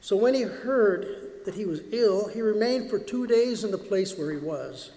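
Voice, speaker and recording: Male cleric, higher voice, solemn measured Gospel reading, long cathedral echo. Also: animated, mellow. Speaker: priest or deacon proclaiming the Gospel. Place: large church. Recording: long reverberant echo of a large church.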